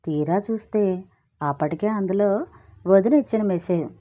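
A woman narrates a scripted comic story with a light, playful touch. Her voice is mellow and warm-toned, sitting at a middle pitch for a woman. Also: normal speed.

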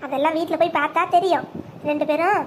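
A woman's voice: very high voice, fairly even intonation, quick pace, slight background noise. A woman voicing a spiteful, scheming mother-in-law in a cartoon, plotting and scolding. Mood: gloating.

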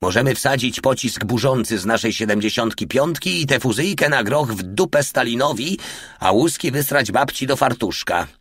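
A man's voice: medium pitch, lively intonation, normal speed, a bit bright, breathy edge, no room sound, clean studio sound, voice pushed up. A man voicing a crude, mocking soldier who is always complaining about the cold, in an audiobook. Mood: brash, taunting. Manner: coarse, mocking, brash. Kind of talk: audiobook character voice.

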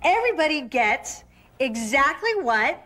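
A woman's voice: high-pitched, very animated, unhurried, pushed and bright, heavily acted. A woman playing a perky, emphatic housewife doing a hard-sell infomercial demonstration. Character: perky enthusiastic housewife demonstrating a kitchen gadget. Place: studio kitchen set.

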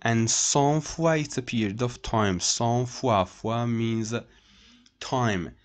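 A man's voice: mid-range voice, slow pace. A man teaching French over a screen recording, repeating each phrase and translating it. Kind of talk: screen-share language lesson.

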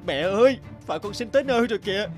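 A man voicing a patient young husband who reasons gently with his mother in a cartoon. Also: high-pitched, lively intonation, fast. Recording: loud background music.

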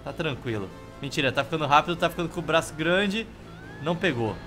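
A Brazilian man streams a game in a slightly high voice, with music playing behind him. He comments casually on what he is doing. His humour is wry and offhand. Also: expressive, fast, fairly bright tone. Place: indoor room.

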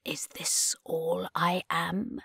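A woman voicing a bitter, proud old male scientist in an audiobook, speaking slowly and brooding. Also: medium pitch, lively intonation, no echo, clean studio sound, full character voice. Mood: despairing. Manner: hushed, slow, brooding. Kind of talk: audiobook character voice.

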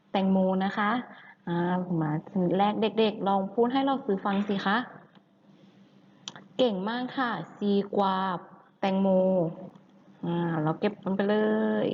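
A woman's voice: medium pitch, lo-fi sound, slight background noise. A woman teacher leading a children's language lesson, coaxing and sing-song, asking the class questions and having them repeat words.

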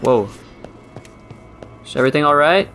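A man's voice: on the high side, expressive, moderate pace, vocal fry, a bit bright, soft background music. A man giving frantic let's play commentary, talking to his viewers and repeating words under pressure. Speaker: gaming YouTuber.

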